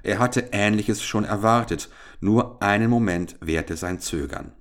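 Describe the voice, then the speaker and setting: Deep-voiced guy reading an old adventure story, steady pace. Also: unhurried. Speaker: audiobook narrator. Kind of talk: scripted narration.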